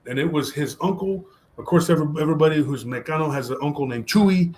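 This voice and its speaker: A man telling a story on a podcast in a casual, animated way, mixing Spanish slang into his talk. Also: a little high, fast talker. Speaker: podcast guest.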